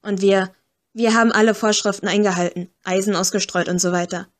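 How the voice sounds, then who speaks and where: A woman's voice: medium pitch, steady tone, fairly quick, natural voice. A woman voicing an irritable young male ghost agent in an audiobook.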